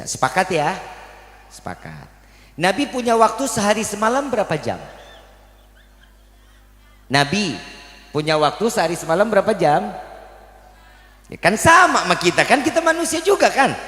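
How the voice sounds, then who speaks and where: Playful high-voiced preacher in an echoing hall. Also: male voice, very animated, moderate pace, long pauses, a bit bright. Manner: playful, jokes and quizzes the audience. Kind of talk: sermon with storytelling. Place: religious gathering in a village. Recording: echoey with long hall reverb.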